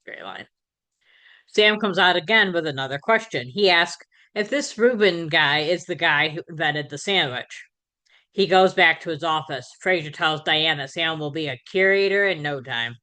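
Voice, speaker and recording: A woman hosting a podcast, casually recapping a sitcom episode in a conversational way, with fillers and quick self-corrections. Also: low-pitched, sharp tone. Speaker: podcast host.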